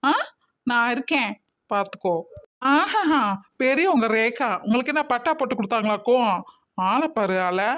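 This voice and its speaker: Woman voicing a bossy scolding auntie type in a cartoon drama, kinda high voice, a bit muffled sound. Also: expressive, normal speed, natural voice. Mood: arguing. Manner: scolding and emphatic, with many rhetorical questions. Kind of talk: cartoon family drama voice acting. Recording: slightly muffled recording.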